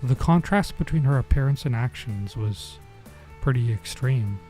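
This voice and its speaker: With game music beneath his voice, a man does a let's play of a visual novel, voicing the text and adding casual, bemused remarks. His medium-pitched voice is mellow and animated, delivered at a moderate pace.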